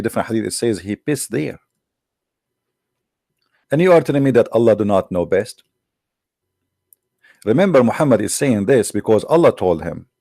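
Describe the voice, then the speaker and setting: A man's voice: fairly low pitch, creaky, dark tone, dry recording, clean studio sound. A man hosting a livestream, talking in a sarcastic, mocking way. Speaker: online show host. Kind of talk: livestream commentary.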